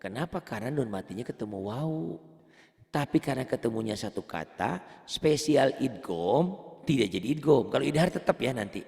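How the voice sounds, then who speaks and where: Patient male recitation teacher, gravelly. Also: mid-range voice, expressive, normal speed, darkish tone, in a large hall. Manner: patient, repeats and quizzes the student. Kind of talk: one-on-one tajwid lesson.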